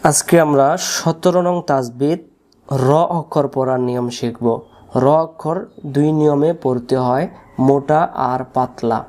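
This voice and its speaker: A man with a Bangladeshi Bengali accent teaching Quran recitation, slowly repeating each letter sound for learners to copy. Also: mid-range voice, darkish tone. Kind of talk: tajweed lesson.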